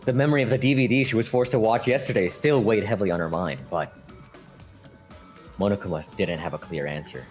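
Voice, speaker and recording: A man's voice: lowish voice, brisk, darkish tone, soft background music. A man casually reading narration for a group fan dub, stumbling and joking as he goes. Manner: laid-back, stumbles and jokes while reading. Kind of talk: casual narration of a game script.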